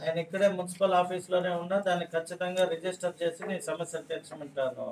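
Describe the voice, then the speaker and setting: Male official on a public phone-in, Andhra Telugu accent, high, soft-edged voice, formal and reassuring. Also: fairly even intonation, fast, a little hiss or hum, rough recording. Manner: formal, reassuring, mixing in English words. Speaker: elected official taking public calls. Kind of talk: phone-in replies and public address. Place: municipal office.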